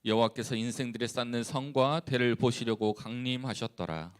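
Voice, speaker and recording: A man who is a church evangelist, leading a responsive scripture reading and then preaching calmly with frequent hesitations. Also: medium pitch, clear, resonant tone. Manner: calm, unhurried, with frequent hesitations.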